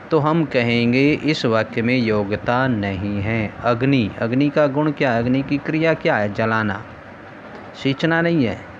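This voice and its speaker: Slow, measured male teacher. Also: mid-range voice, slight background noise. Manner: slow, measured explaining with rhetorical questions. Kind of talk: recorded lesson. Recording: dull lo-fi recording.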